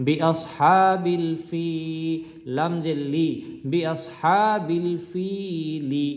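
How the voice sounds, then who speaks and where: A man teaching a Quran lesson, spelling out each word letter by letter and then reciting it slowly and drawn out, with quick explanations in between. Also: a little high, darkish tone. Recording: long hall reverb.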